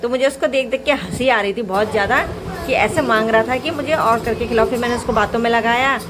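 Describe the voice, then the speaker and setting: A young woman with a slightly high voice, chatting to the camera in a casual daily vlog. She talks easily and at length about her day and her baby son while she cooks and cleans. She records at home in her kitchen. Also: fast talker, background noise. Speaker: vlogger and mother.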